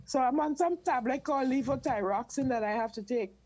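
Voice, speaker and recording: Slightly high woman, hesitant. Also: brisk, a little mellow, slight background noise. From Guyana. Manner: hesitant, restarts and repeats words. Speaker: caller seeking advice. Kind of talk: casual conversation. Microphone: video call.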